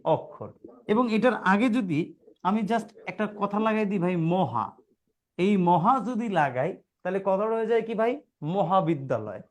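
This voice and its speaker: Guy teaching grammar in class, pretty high voice, keeps asking the room questions, breaks words into syllables. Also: animated, a little slow. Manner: asks rhetorical questions, calls students "brother". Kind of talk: classroom lesson.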